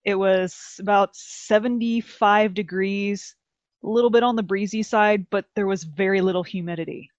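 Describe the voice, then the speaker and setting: A woman from Texas hosting a casual podcast, chatty and animated, laughing often. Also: medium pitch, normal speed, dry recording, dull audio. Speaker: podcast host.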